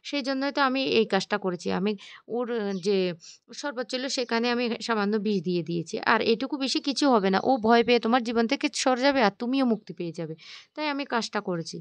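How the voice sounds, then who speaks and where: A woman's voice: fairly high pitch, expressive, fast talker, smooth, dry recording, lightly acted. A woman voicing a scheming young woman who coaxes and then argues defensively. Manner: coaxing, then defensive and indignant.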